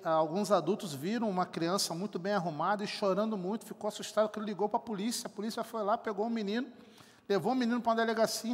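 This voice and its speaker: A middle-aged Brazilian pastor preaching a sermon with a very high voice. He tells stories emphatically and builds to fervent peaks. His voice rings with a long church reverb. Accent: Brazilian Portuguese. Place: church sanctuary.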